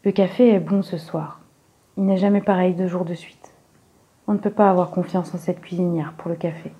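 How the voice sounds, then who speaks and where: A blunt, good-humoured old lady, as a woman reader puts her on, plain-spoken and matter-of-fact in a storybook reading. The voice sits low and mellow. It carries no fuss or flourish. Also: steady tone, moderate pace, lightly acted, low-quality recording. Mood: flat, dreamy.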